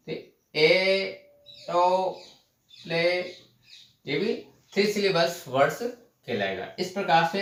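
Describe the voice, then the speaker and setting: A man teaching a lesson, explaining terms slowly, repeating them and asking the class questions. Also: on the high side, a bit bright. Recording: echoey room, voice from far off the mic.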